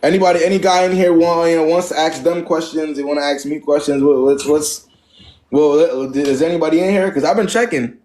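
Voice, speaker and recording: A man's voice: fairly high pitch, a little fast, darkish tone. A young American man hosting a casual live advice chat, blunt and slangy, repeating phrases for emphasis. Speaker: live stream host giving dating advice.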